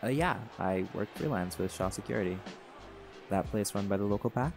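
This audio roleplay performer plays a laid-back, teasing jaguar shifter, a cocky male pack alpha, in a scripted monologue. His voice is fairly low, creaky, and expressive, running a little fast over party music.

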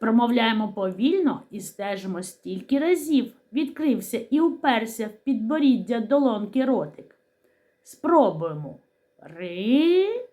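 A woman teacher giving a literacy lesson to young children, speaking slowly and sounding out words syllable by syllable, asking questions and answering them herself. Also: fairly high pitch, expressive, warm tone. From Ukraine. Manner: slow, careful enunciation of syllables.

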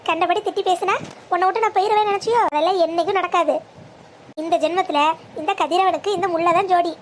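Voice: extremely high pitch, steady tone, quick pace, slight background noise. A voice actor playing a devoted, determined young groom in a family cartoon drama, speaking firmly and reassuringly.

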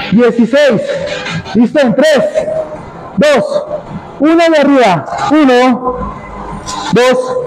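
A very high-voiced man works as a barking gym coach, calling out counts and short urgent orders. His delivery is slow and spaced out but energetic, with clear music playing behind him in an indoor gym. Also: poor audio. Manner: energetic, exerting while exercising. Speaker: fitness instructor. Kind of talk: live group workout coaching, counting repetitions. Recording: loud music under the voice. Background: workout music.

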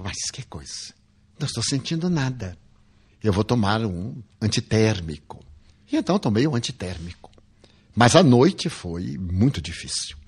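Older brazilian guy telling stories in a lecture, husky voice, pitch jumps all over, acts out the lines. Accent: Brazilian Portuguese. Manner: lively storyteller, acts out dialogue, playful humor. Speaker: spiritual lecturer. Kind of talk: public lecture with personal anecdotes.

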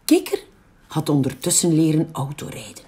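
A woman with a Flemish accent reading a picture book aloud for young children. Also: deep voice. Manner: slow, very lively storytelling. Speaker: library storyteller.

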